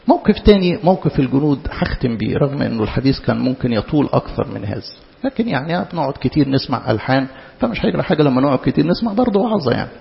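Male preacher, Egyptian Arabic accent, fast impassioned sermon, echoey hall, dull lo-fi recording. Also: medium pitch, vocal fry. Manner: impassioned, rhetorical, questions the audience.

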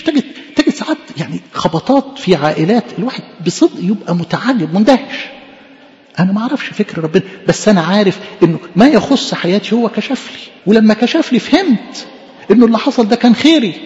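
A man's voice: sits high, long reverb tail, dull audio. A man preaching a fervent sermon as a priest, emphatic and repeating phrases for stress, with an Egyptian accent. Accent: Egyptian Arabic.

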